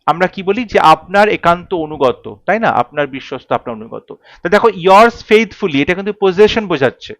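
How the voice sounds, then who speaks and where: A man's voice: high voice, a bit bright, dry recording. A man teaching an English grammar lesson, explaining rules step by step and repeating the key points.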